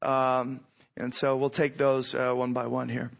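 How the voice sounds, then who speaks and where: A man giving an informal sermon as a pastor, conversational and repeating phrases for emphasis, his voice froggy and hoarse with a cold. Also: mid-range voice, completely flat delivery, measured pace. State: hoarse from a cold, clearing throat. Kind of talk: sermon, informal teaching with scripture reading.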